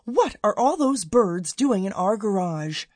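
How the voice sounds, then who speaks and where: Woman reading as a wife fussing at her husband, loud and excited, husky dry voice. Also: medium pitch, unhurried, no room sound. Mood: scolding. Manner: exclaiming, scolding. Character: excited, scolding middle-aged wife.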